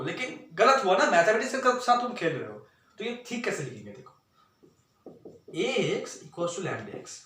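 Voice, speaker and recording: A man teaching math in a lively lecture, talking straight to his students and mixing in English. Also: high-pitched, distant mic. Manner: animated, talks straight to students, mixes Hindi and English. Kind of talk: lecture explaining at a board. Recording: very echoey room, voice from off the mic.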